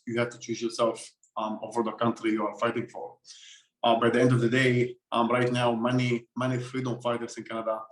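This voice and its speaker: A man from Israel, a guest on a podcast interview, speaking emphatically and often repeating words as he searches for them. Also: mid-range voice. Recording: roomy echo.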